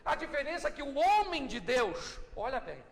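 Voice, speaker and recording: Humorous Brazilian preacher in an echoey church. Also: male voice, extremely high pitch, moderate pace, gravelly. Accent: Brazilian Portuguese. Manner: storytelling, humorous, animated. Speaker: pastor. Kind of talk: sermon. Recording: echoey church hall, mic far off, noisy.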